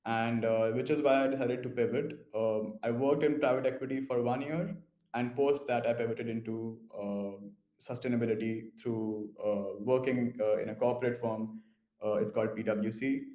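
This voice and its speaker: A man's voice: medium pitch, little pitch movement, highs cut off. Man in an echoey room. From India. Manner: measured, many "uh" fillers. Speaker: current master's student. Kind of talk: online info session.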